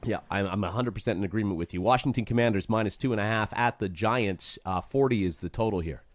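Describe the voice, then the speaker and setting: A man's voice: lowish voice, quick pace, dry recording. A man hosting a sports betting chat, emphatic, asking rhetorical questions and repeating points for effect. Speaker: sports betting show host. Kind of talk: casual betting-picks chat.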